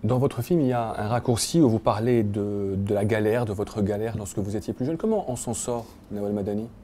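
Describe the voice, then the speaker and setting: A male journalist asking interview questions in a polite, measured way. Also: fairly low pitch, warm tone, slight background noise.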